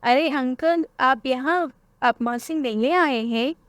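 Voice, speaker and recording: A woman voicing a trusting young boy bird in a cartoon, eager and high-pitched. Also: slow, no echo. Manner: eager, whiny when scared.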